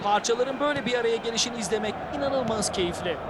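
A man's voice: extremely high pitch, quick pace. A man giving analytical football co-commentary on the play. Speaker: football co-commentator in a video game. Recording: loud stadium noise behind.

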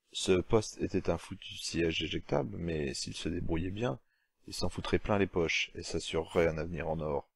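Male narrator, deep, measured, dry booth sound. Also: gravelly, breathy edge, no echo. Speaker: audiobook narrator. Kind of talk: scripted narration.

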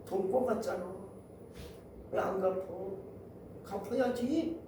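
A man's voice: sits high, slow pace, noisy background. A man playing a blunt creditor demanding payment. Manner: blunt and pushy. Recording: echoey church from far off.

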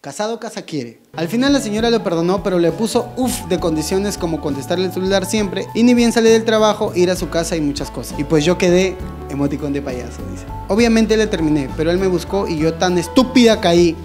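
A man's voice: high voice, a little fast, over music. A young man, reading listener love stories aloud with theatrical, mocking asides and acted-out quotes. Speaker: comedy storyteller host.

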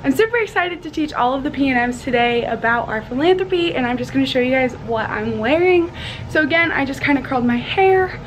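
A young woman chatting casually in a bubbly sorority-girl way for a vlog, often saying "like", recorded on a handheld camera in a small room. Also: high-pitched. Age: young adult. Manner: heavy use of "like". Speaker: vlogger, college sorority member. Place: small dorm room, indoors. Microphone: handheld camera at arm's length. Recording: clear room noise on camera mic.

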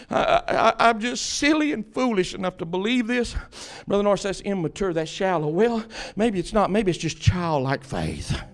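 Fervent high-voiced male preacher, gravelly. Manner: fervent, emphatic preaching with repeated calls to the congregation. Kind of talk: sermon.

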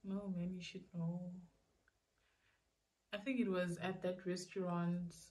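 A woman's voice: fairly low pitch, flat delivery, takes it slowly, warm tone. A young woman with a South African accent, rambling and repeating herself as she casually answers questions. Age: young adult. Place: small indoor room.

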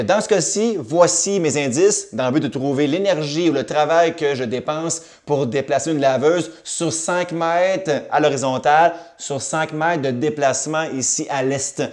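A man's voice: a little high, a little mellow. A man with a Québécois accent teaching a recorded math lesson, upbeat and cracking jokey asides.

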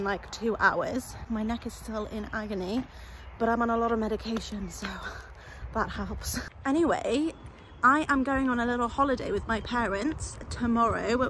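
A young English woman chatting cheerfully to her handheld camera as she vlogs outdoors in the countryside. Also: on the high side. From England. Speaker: vlogger. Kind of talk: casual travel vlog. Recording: noisy outdoor camera audio.

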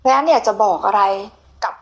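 A woman's voice: medium pitch, lively intonation, fairly quick. A woman hosting a conversational television interview, speaking affectionately to her guest like an older sister. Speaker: TV show host.

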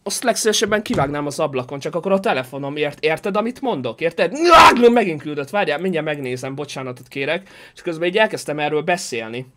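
High-voiced, animated male game streamer. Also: few pauses, background noise. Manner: animated, jokey, reads and thanks donations. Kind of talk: casual live-stream chat.

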